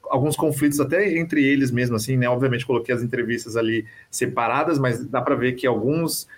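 A man's voice: medium pitch, fairly quick. A man with a Brazilian Portuguese accent explaining himself casually as a podcast guest, often tagging phrases with little questions. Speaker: podcast guest, video creator. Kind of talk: casual interview talk.

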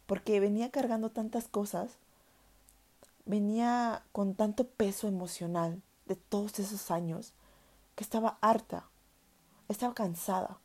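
A woman's voice: mid-range voice, steady tone, unhurried, darkish tone. A young woman telling her own story in a candid, earnest way, repeating words for emphasis. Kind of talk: personal storytelling monologue.

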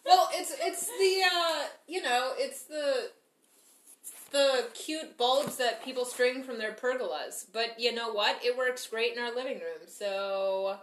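A young woman with a somewhat high voice tells stories over beers at home. She sounds chatty and upbeat, and the living room gives her voice a noticeable echo. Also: takes it slowly, slight background noise. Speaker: podcast co-host. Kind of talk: casual chat over beers. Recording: echoey room.

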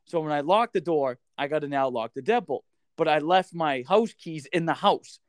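A man's voice: a little high, moderate pace, no echo, clean studio sound. A man co-hosting a casual podcast, swearing freely and acting out quotes as he tells stories. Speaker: podcast co-host.

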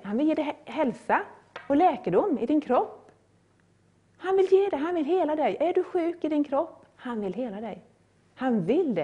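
A middle-aged woman preaching a sermon, earnest and repetitive, with loud rising appeals. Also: mid-range voice, breathy edge.

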